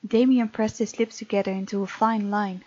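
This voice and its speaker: Her mid-range voice is warm, with fairly even intonation and a normal speed, and the recording is dry. She's a woman hosting a let's play, reading game lines and casually reacting to the story, captured on a muffled lo-fi mic over game music.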